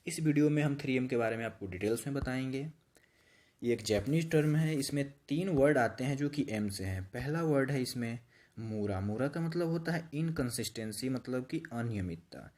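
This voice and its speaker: A man with a Hindi accent teaches in a patient, steady way. He talks at an ordinary, mid-range pitch, and he breaks each idea down with simple everyday examples, like a trainer on a shop floor. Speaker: YouTube instructor. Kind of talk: explanatory lesson.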